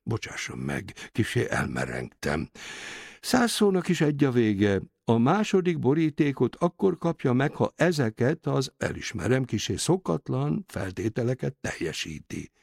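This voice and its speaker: A man's voice: medium pitch, sing-song, gravelly, a little mellow, no room sound, studio quality. A man voicing a stocky, formal male deputy notary in an audiobook, polite and a bit fussy.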